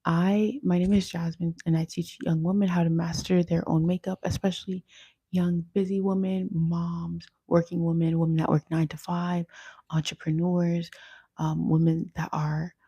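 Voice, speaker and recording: A woman's voice: lowish voice, little pitch movement, normal speed, warm tone, husky, no echo. A young woman teaching makeup on a casual livestream, chatty and often checking in with "okay?".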